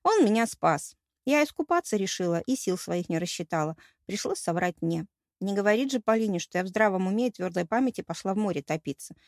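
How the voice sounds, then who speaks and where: A woman narrating a first-person audiobook in a wry, even storytelling manner. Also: mid-range voice, brisk, no room sound, clean studio sound.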